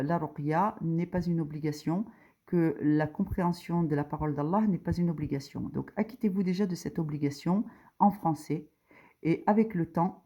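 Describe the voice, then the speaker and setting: Warm in tone and sitting low, her voice carries an informal religious tutorial about a diagram. She goes step by step, hesitating frequently and filling gaps with fillers, then lifts her emphasis on the important points.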